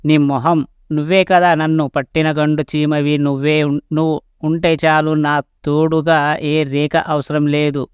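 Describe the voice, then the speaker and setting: A man's voice: a little high, level tone, measured pace, clear, resonant tone, no echo, studio quality, natural voice. A man voicing a teasing, affectionate young woman in a spoken love story, asking playful questions. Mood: tender.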